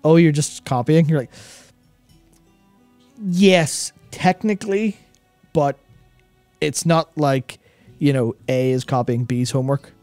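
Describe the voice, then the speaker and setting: In a small studio lined with acoustic foam, a thirtysomething co-host of a gaming discussion show speaks into a close boom-arm broadcast mic about game lore, casual and analytical, rambling and self-correcting. His fairly high voice is clean and a little mellow, slow, with frequent pauses. There's no echo, and faint music plays behind him.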